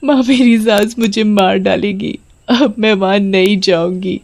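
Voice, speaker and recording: A woman's voice: mid-range voice, fairly even intonation, measured pace, creaky, darkish tone. A woman voicing a tearful young married daughter who complains through sobs in a storybook tale. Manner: sobbing, complaining.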